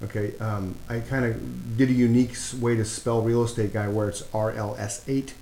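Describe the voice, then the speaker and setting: A man's voice: mid-range voice, fairly even intonation, brisk, dark tone. A middle-aged man hosting a casual podcast, rambling with many fillers and restarts. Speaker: podcast host. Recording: echoey room, faint background noise.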